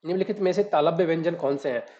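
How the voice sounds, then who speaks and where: A man's voice: on the high side, fast talker, warm tone. A man tutoring, reading out each exam question and then explaining the answer step by step. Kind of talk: exam solution walkthrough. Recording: dull lo-fi recording.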